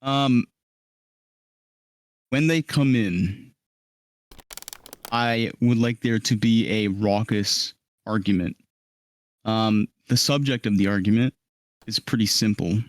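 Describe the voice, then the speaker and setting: Brief: low-voiced man running a live tabletop game, steady directions, dry close sound. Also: slow, long pauses, no echo. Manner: calm, directive, frequent ums. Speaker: game master. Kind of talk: briefing players for a live tabletop role-play. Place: live stream.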